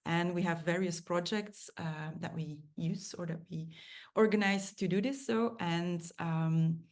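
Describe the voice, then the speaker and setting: A woman's voice: on the low side, unhurried. A woman hosting an online lunch talk as project manager, giving organized announcements with some fillers over a video call.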